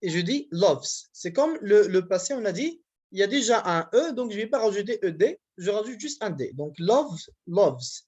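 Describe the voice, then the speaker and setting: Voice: mid-range voice, big pitch swings, moderate pace, darkish tone, breathy edge, lo-fi sound. A university language teacher, giving a grammar lesson in a patient, repetitive way and often checking that the class follows. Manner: patient, repetitive explaining with frequent check-ins.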